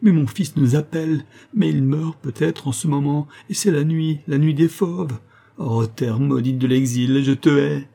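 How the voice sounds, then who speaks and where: A man's voice: medium pitch, unhurried, creaky, warm tone, husky, pitched above the performer's own voice. A man voicing a desperate mother in exile who speaks in a broken, pleading way. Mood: anguished.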